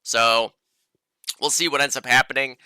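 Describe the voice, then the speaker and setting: A man with a congested, nasal voice talks in a casual, loose way, swearing now and then. His tone is very bright and clear. The recording is close and dry. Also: medium pitch, steady tone, moderate pace, dry recording. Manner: casual, profane, lots of fillers. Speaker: podcast host. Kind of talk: casual esports match preview.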